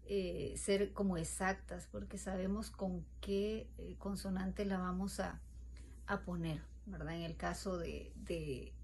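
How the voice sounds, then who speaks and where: A woman gives a class presentation on spelling rules, explaining as she goes with fillers and restarts. Her voice is mid-pitched, with a faint noise in the background. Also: creaky, darkish tone. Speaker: student presenter.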